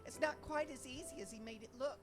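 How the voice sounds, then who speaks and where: A woman's voice: high-pitched, quick pace, natural voice. A woman voicing a small, earnest young female would-be inspector in a theatrical fan dub of game dialogue, with game music behind. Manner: theatrical, dramatic sighs and sobs. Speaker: fan voice actor.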